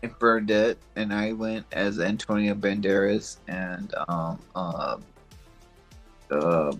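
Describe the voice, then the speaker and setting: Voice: sits low, steady tone, slow pace, faint music behind. A guest joking around in a casual live stream chat over a video call.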